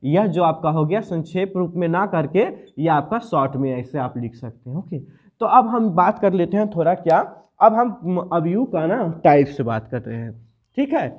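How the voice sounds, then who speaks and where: A man's voice: a little high, animated, normal speed. A man with a Bihari Hindi accent teaching a math lesson, repeating points step by step and quizzing the viewer. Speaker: math tutor. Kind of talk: classroom lecture. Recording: tinny phone-like audio.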